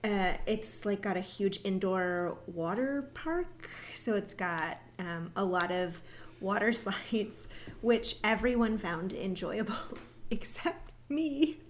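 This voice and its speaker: A woman from the American Northeast co-hosts a casual podcast. She tells animated stories and laughs often. Her pitch sits mid-range for a woman, and a faint hiss lies under the recording. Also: slow pace. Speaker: podcast co-host. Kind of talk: casual chat.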